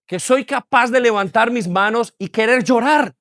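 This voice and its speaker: High-voiced pastor preaching emphatically. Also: male voice, moderate pace, fairly bright tone, no echo, clean studio sound. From Colombia. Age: 40s. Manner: emphatic preaching with repetition and rhetorical questions. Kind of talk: sermon. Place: church hall.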